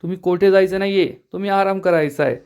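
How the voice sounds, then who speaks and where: A man's voice: high voice, quick pace, clean tone, pitched above the performer's own voice. A man voicing a protective young woman who firmly tells an old man to rest. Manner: firm, sharp.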